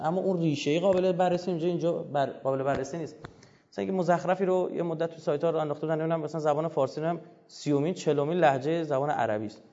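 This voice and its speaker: A man lectures with emphasis, turning often to his listeners. His voice sits a little high yet sounds dark and mellow. The recording is dull and lo-fi, with a long hall reverb trailing each phrase. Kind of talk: religious history lecture.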